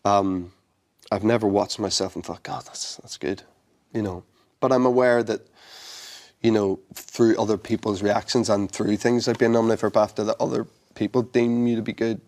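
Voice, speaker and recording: A man's voice: lowish voice, steady tone, normal speed, a little mellow. A man with a Northern Irish accent, an actor answering interview questions thoughtfully, often restarting and repeating words. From Northern Ireland. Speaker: actor guest. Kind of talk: interview conversation.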